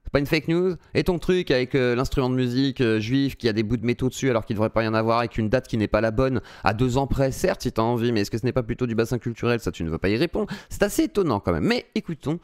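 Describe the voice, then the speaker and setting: A man's voice: mid-range voice, expressive, fast talker, hardly any pauses, darkish tone, smooth, no echo, clean studio sound. A man giving sarcastic reaction commentary, mocking and asking rhetorical questions. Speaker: youtuber commentator.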